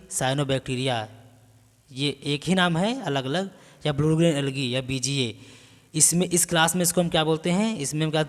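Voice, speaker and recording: A man's voice: fairly high pitch, big-room sound. Man dictating a biology lecture. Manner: dictates notes slowly, then explains and quizzes with repeated questions. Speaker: biology teacher. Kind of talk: exam-prep lecture.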